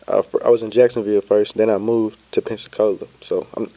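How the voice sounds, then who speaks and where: A man, a podcast guest, talking easily with many fillers and soft trailing asides. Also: fairly low pitch, little pitch movement, fast talker. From United States (Florida). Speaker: guest, entrepreneur. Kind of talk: casual interview chat.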